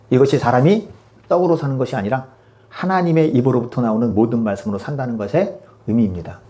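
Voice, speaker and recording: Fast-talking male pastor preaching. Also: mid-range voice, a little mellow. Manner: emphatic, rhetorical questions to the congregation. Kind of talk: sermon.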